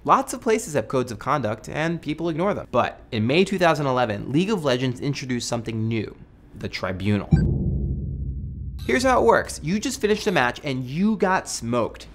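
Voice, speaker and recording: Speaking at a normal pace in a mid-range, very animated voice, an American man in his thirties hosts a web show from a small indoor studio. His scripted video essay to camera comes across as emphatic, wry and conversational. A music bed and slight background noise sit behind him.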